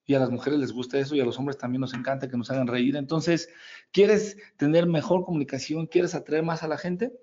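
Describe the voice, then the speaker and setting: A man's voice: fairly high pitch, fairly even intonation, a little fast, warm tone. A middle-aged man with a Mexican accent, giving a folksy, joking motivational coaching talk to network marketing teams. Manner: folksy and joking, calls the listener compadre. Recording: dull lo-fi recording.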